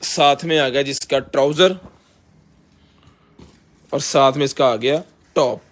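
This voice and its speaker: A man with a Pakistani accent giving a casual live sales pitch as a seller, pushing items hard and repeating himself like a hard-sell ad. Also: slow. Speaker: live-stream seller of container goods.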